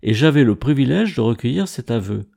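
A man reading a literary story aloud in a measured, composed first-person narration. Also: mid-range voice, expressive, dark tone. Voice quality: gravelly. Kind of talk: scripted audiobook narration.

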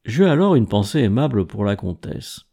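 Gravelly deep-voiced male narrator. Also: sing-song, warm tone. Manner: measured, literary delivery. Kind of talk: scripted audiobook narration.

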